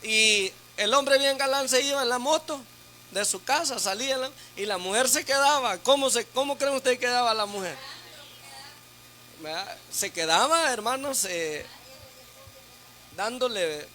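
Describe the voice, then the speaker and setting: A man preaching as a deacon in a sermon to a church women's meeting, teaching through rhetorical questions and frequent tag questions, going loud on questions and soft on asides. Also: very high voice, measured pace, a little hiss or hum. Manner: speaks loudly on questions, then drops to a soft aside.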